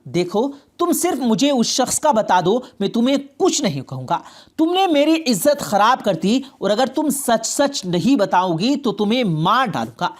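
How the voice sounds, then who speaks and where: A woman's voice: on the high side, sing-song. A woman voicing a stern middle-aged father who turns harsh and threatening over family honor, in a told story. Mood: furious.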